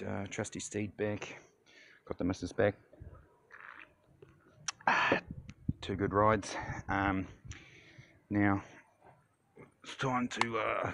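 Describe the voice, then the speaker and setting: A man's voice: lowish voice, vocal fry, fairly bright tone. A man in his forties with a broad New Zealand accent, chatting casually and laconically in slangy, sweary phone-vlog style. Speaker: vlogger. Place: mostly outdoors, some in a car. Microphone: handheld phone at arm's length. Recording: wind and traffic noise on phone mic.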